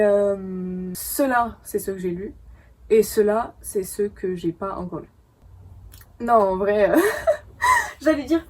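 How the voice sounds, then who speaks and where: A woman's voice: a little high, a little mellow, a little hiss or hum. A young woman from France casually chatting as a book vlogger, chatty and self-mocking, often laughing at herself. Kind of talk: casual chat.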